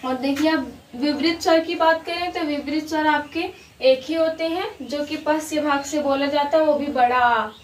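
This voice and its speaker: A woman with a high voice teaches a grammar lesson, patiently repeating her examples and checking that her students follow. She sounds a little distant from the mic in an echoey room with a faint hiss behind her. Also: normal speed. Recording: roomy, distant mic with faint background noise.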